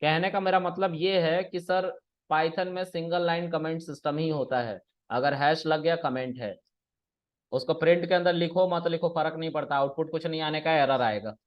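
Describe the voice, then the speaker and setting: A man's voice: on the high side, moderate pace. A man teaching programming in a casual classroom way, explaining step by step and checking that students follow. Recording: dull lo-fi recording.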